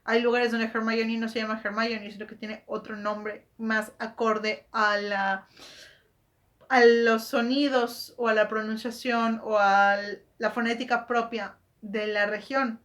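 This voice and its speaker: A woman's voice: fairly high pitch, level tone, measured pace, fairly bright tone. A woman hosting a book channel, talking casually in a chatty way, correcting herself and asking rhetorical questions. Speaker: book vlogger. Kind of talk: casual explanatory monologue.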